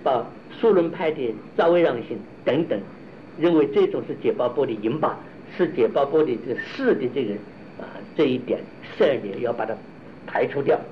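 A man teaching Buddhist philosophy in a slow, halting lecture, often repeating and restarting his phrases and asking rhetorical questions. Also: mid-range voice, lively intonation, muffled recording, a little hiss or hum.

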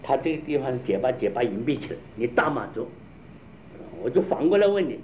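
A man's voice: mid-range voice, very animated, fairly quick. A man explaining a problem, repeatedly quizzing his listeners with rhetorical questions. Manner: rhetorical questions, drilling points. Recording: dull lo-fi recording with faint noise.

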